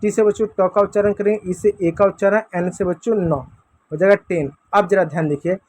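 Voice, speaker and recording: A man's voice: high voice, fairly even intonation, fairly quick, darkish tone. A man teaching children phonics in a patient, repetitive classroom style. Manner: patient, repetitive drilling, often addresses the kids as "बच्चों". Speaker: English teacher.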